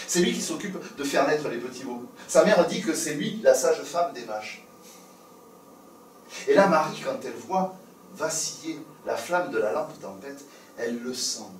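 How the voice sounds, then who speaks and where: A man telling stories on stage, playful and lively, moving between loud and hushed. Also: medium pitch, slight background noise. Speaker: storyteller. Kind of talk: theatrical storytelling for adults. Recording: roomy live recording from a distance.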